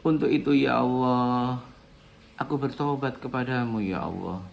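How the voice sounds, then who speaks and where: A middle-aged man giving a religious talk, praying aloud in an earnest, pleading way and letting each phrase drop softly at the end. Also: unhurried, gravelly. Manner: earnest, pleading, ends phrases with soft low "ya Allah". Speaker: Islamic speaker. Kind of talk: religious talk with spoken prayer.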